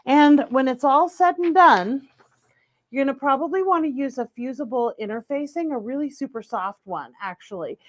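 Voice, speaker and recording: Upbeat female sewing instructor, high-pitched, dry close recording. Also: no room sound. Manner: upbeat, chatty. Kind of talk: how-to demonstration. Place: sewing store studio.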